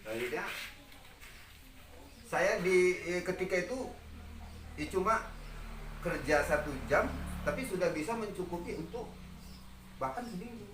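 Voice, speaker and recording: A man's voice: high voice, lively intonation, a little slow, long pauses. Give me a man in his forties, far off in an echoey space. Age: 40s. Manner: earnest storytelling, acts out quoted dialogue. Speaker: interview guest. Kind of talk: recounting personal experiences. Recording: echoey, far from mic, noisy.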